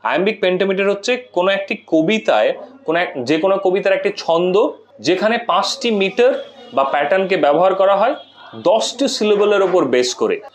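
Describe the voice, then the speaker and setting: A man's voice: high-pitched, animated, moderate pace. A man teaching an exam-prep lesson on poetic meter, explaining step by step and repeating key words.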